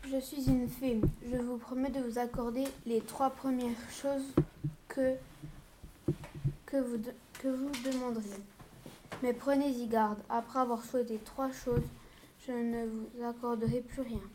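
A woman's voice: fairly high pitch, little pitch movement, a little slow, natural voice. Woman reading a stern fairy. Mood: solemn. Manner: solemn warning. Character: beautiful, stern fairy granting wishes. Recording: noisy home recording with clicks.

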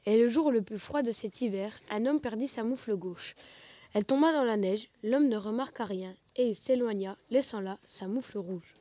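Lively woman reading a children's story. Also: on the high side, normal speed. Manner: expressive, lively read-aloud with rising excitement.

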